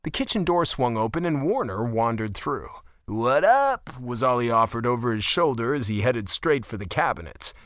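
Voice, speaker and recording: Expressive male audiobook narrator, dry sound. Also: mid-range voice, fairly quick, hardly any pauses, dry recording. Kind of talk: first-person audiobook narration.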